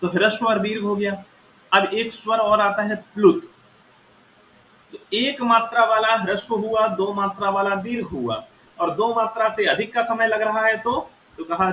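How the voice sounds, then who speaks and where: A man's voice: sits high, steady tone, measured pace, pushed and bright. A man teaching Sanskrit grammar, explaining step by step and sounding out vowels aloud to show their length. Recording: echoey room with faint noise.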